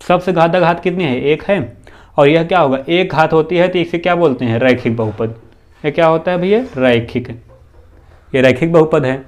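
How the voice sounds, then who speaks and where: A male math teacher giving a slow, repetitive classroom lesson, posing questions to the students and answering them himself. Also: a little high. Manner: often adds "bhaiya" and "theek hai na".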